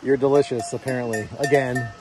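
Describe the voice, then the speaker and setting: A man's voice: mid-range voice, steady tone, brisk, noisy background. A man narrating his hike casually into a handheld camera outdoors, chatting and playfully scolding the animals around him. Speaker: hiking vlogger. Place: outdoors on an alpine pasture and trail.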